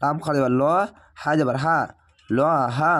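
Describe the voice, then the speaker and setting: A hoarse man teaching Quran reading, spelling out letters and vowel marks syllable by syllable in a patient lesson. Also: a little high, fairly even intonation, normal speed, a bit bright.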